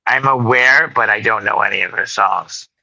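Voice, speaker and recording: Gravelly whiskey-voiced man, low and forceful. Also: moderate pace, no room sound. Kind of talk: casual chat. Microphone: remote call microphone. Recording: tinny, muffled, breaking-up internet connection.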